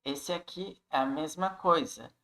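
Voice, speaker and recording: A man's voice: fairly high pitch, unhurried, pushed and bright, echoey room, poor audio. A man teaching an English lesson, reading a text aloud and repeating phrases to coach pronunciation.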